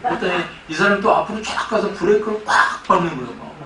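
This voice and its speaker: A male pastor giving a sermon, telling personal stories in an animated way and often laughing. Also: sits high, fast, noisy background. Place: church sanctuary. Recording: echoey church hall from far off.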